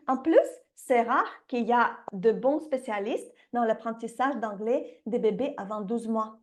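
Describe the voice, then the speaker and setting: High-voiced woman teaching parents. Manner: lively, addresses parents directly, laughs now and then. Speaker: English teacher for young children. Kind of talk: direct-to-camera online lesson pitch.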